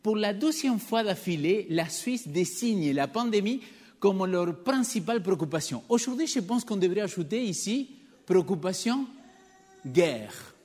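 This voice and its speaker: At a normal speed and with lively intonation, a man preaches to his congregation, engaging them with rhetorical questions. His high-pitched voice has a darkish tone and a noticeable non-native French accent, and the church hall's long reverb surrounds it.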